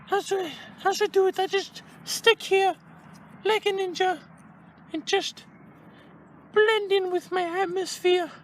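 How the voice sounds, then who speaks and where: Very high squeaky plush toy, wannabe ninja, slow drawn-out lines, karate yells. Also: male voice, heavily acted. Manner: breathless, full of karate yells. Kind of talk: plush toy puppet skit.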